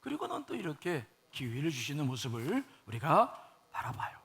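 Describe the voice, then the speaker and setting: A pastor preaches with a bright, forceful voice pitched high for a man, his intonation swooping wildly and his tone showing vocal fry. At a moderate pace, he throws questions at the congregation, dips into soft asides, and then builds to raised exclamations.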